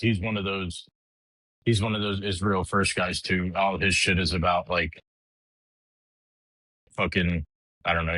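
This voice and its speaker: A middle-aged man with a very low, deep voice rants on his podcast. He talks bluntly and heatedly, swears freely and often restarts his sentences. The sound is dry and close, with almost no room around it. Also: fairly bright tone, husky, no room sound, poor audio. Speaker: podcast host. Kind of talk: casual political rant.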